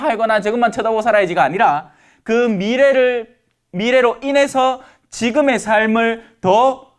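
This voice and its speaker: Lively joking priest. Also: male voice, sits high. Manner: lively, joking, asks the audience questions. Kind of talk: lecture sermon to elderly parishioners.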